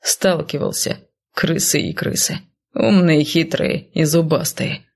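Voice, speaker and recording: A woman voicing a stern, protective northern warrior man who speaks in a low, hushed growl. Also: fairly even intonation, slow, vocal fry, heavily acted. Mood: steady.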